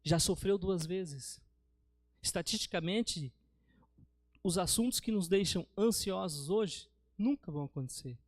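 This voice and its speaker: A man's voice: high-pitched, expressive, unhurried, no echo, clean studio sound. A man with a Brazilian accent preaching a sermon in church, telling stories and often calling his listeners brothers. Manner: storytelling, addresses listeners as brothers.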